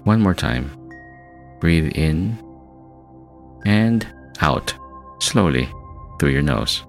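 A man with an extremely deep voice guides a meditation in a soft, soothing, spa-like hush. He speaks very slowly and leaves long, calming pauses between phrases. Gentle New-age music plays behind him.

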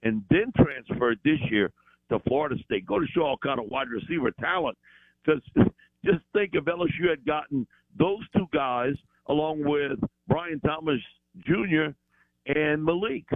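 A man calling in as a football analyst, talking in an animated, rambling way with fillers over a phone line. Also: on the high side, normal speed, dry recording.

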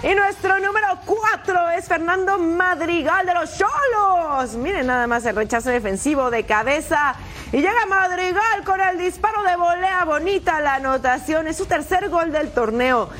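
Woman, high-pitched, chatty sports co-host, football commentary, light music behind. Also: lively intonation, normal speed, fairly bright tone. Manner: chatty, colloquial. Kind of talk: football highlights commentary and show presenting.

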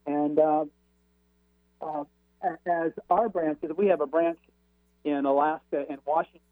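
A man's voice reaches us over a crackly phone line that keeps fading in and out. It sits a little high for a man and is thin and tinny, with no room around it. He talks with hesitant fillers and restarts. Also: fairly even intonation, unhurried, dry recording. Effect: crackly phone line that fades in and out. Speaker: radio show guest. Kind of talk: casual explaining. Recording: tinny, breaking-up phone call.

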